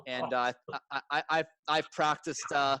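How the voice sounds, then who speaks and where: A young Canadian man, an entrepreneur guest in a casual interview, talking fast and enthusiastically and often repeating words. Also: fairly high pitch, fairly even intonation, sharp tone, clear, resonant tone, dry recording, low-quality recording.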